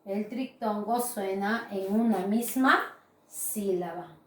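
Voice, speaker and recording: A woman's voice: mid-range voice, echoey room, recorded from a distance. A woman teacher giving a recorded grammar lesson, explaining patiently and checking in with her students often. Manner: slow, patient explaining with frequent "¿verdad?" tags.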